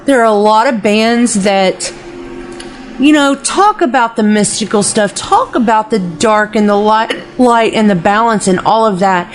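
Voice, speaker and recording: Woman, hiccups, gushing, swears casually, radio co-host. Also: mid-range voice. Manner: gushing, apologetic. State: has the hiccups. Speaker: radio co-host and festival organizer. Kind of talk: casual chat, heavy swearing.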